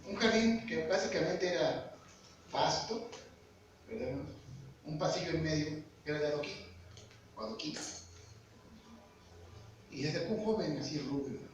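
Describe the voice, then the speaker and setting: A man's voice: fairly high pitch, normal speed, long pauses. A man preaching a sermon, earnestly asking the congregation questions. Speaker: lay preacher. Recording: echoey hall, far-off mic, background noise.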